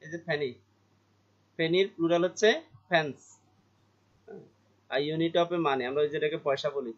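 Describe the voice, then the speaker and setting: A male teacher in a vocabulary lesson, reading English definitions slowly and explaining them more quickly, often checking in with his students. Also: on the high side. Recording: dull lo-fi recording.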